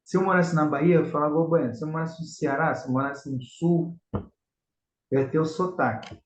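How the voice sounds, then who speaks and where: A man's voice: a little high, steady tone, a little fast. Earnest Carioca man teaching faith. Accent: Carioca (Rio de Janeiro). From Rio de Janeiro, Brazil. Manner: earnest, exhorting, addresses listeners as brothers. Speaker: spiritual director teaching a prayer class. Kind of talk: religious lesson. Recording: echoey room, slightly dull sound.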